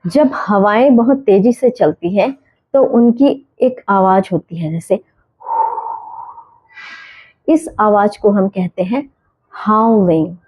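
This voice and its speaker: A woman teaching English vocabulary, saying each word slowly and repeating her example sentences. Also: medium pitch, no room sound. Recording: dull, slightly lo-fi sound.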